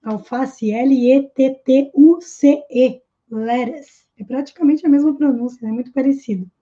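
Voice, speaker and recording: A woman with a high, very warm and mellow voice leads a live online language lesson. She repeats phrases slowly and deliberately to drill pronunciation. The recording sounds dull and lo-fi. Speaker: English teacher.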